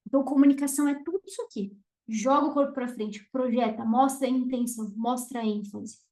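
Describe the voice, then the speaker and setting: Brazilian lady coaching how to speak, high voice, punchy, goes quiet then loud, roomy echo. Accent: Brazilian Portuguese. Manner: emphatic, varies volume and pauses on purpose. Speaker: communication mentor. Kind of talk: energetic teaching to camera.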